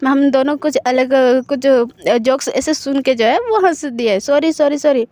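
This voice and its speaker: A woman's voice: high voice, a little slow, a little mellow, no room sound. Roshni, chatty young woman in love, read by a woman. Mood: laughing, hurried.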